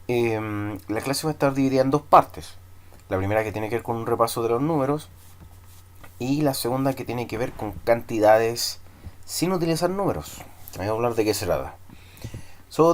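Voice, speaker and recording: A man with a Chilean accent teaching a recorded English class, leading slow repeat-after-me drills and switching between English and Spanish. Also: mid-range voice.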